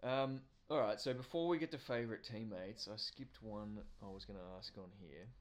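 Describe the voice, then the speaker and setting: A man's voice: lowish voice, normal speed. An Australian man hosting a casual interview, informal and matey in how he talks. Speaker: interviewer and host.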